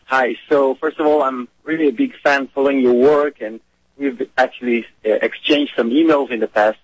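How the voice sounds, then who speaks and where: Male caller from Israel on a clipped phone line. Husky, fairly high voice, dry and dull in tone. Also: fairly even intonation, dry recording. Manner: eager, halting, many fillers. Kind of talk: call-in radio talk. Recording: muffled phone-line call.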